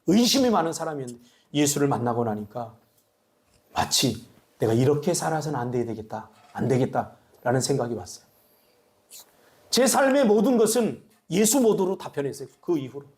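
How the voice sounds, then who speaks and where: A middle-aged male pastor preaching a sermon, swinging between loud exhortation and hushed asides. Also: fairly high pitch.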